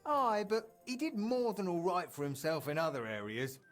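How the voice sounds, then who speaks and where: In lightly acted video game dialogue, a man with a high-pitched voice speaks at normal speed over faint music. He plays a jovial, roguish aging tradesman who teases colloquially while recalling his wild younger days.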